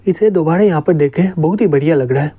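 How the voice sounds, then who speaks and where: A man's voice: a little high, quick pace, warm tone, breathy edge. A man voicing a knowing, wry talking magic book that explains and teases. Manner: explaining, teasing.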